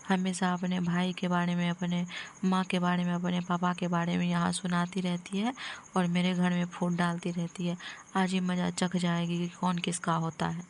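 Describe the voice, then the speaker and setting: A woman's voice: fairly low pitch, slight background noise, natural voice. A woman voicing a stern grown son in a cartoon comedy, blunt and scolding.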